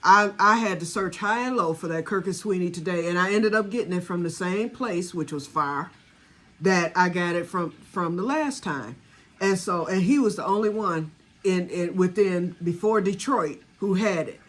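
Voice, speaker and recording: This sixty-something home vanilla maker has a fairly low, fairly bright voice and speaks at a moderate pace. She rambles casually to camera about her homemade batch, speaking right to her audience.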